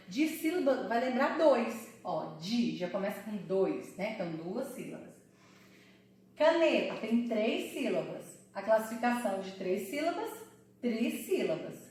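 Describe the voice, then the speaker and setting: Woman teacher with a lively voice. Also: fairly high pitch, heavy reverb, far from the mic. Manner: slow, syllable-by-syllable explaining. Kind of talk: online Portuguese lesson for children.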